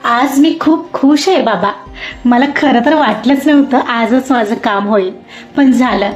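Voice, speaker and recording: A woman voicing a lively, chatty young woman in an audio story, talking expressively to her father. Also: a little high, unhurried, close to an everyday voice. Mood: excited. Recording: roomy muffled recording, soft music.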